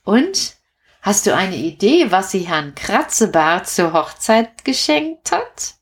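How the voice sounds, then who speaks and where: Woman, bedtime storyteller, slow unhurried pace, lively up-and-down pitch. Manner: slow, gentle, talks to the listening children. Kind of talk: reading a bedtime story to children.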